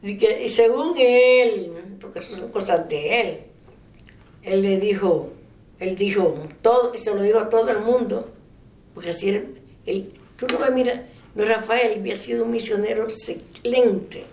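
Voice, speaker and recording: An older woman telling a faith story in a relaxed interview. She laughs often and trails off mid-sentence. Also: medium pitch, moderate pace. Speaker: interviewee sharing a faith testimony. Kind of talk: casual storytelling. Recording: echoey room.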